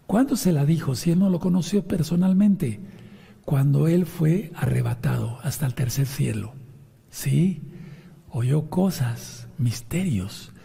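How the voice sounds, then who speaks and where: A man delivers a sermon, reading scripture and commenting on it, and he speaks straight to his listeners with questions and instructions. His voice is hoarse from sinusitis following an operation, fairly high, a little slow, and mellow. A long, reverberant hall echo surrounds him.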